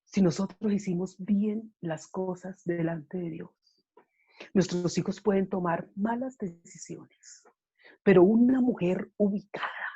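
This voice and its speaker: Lady preaching over a video call, dull lo-fi sound, kinda breathy, pleading and repeating herself. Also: medium pitch, measured pace, mellow. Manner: fervent, pleading, repetitive appeals. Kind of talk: sermon.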